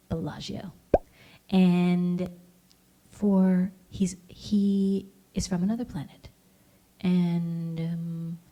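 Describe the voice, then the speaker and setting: A woman's voice: fairly low pitch, mellow. A young woman hosting her own comedic music vlog, chatty and self-amused, recorded at home. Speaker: vlogger and songwriter.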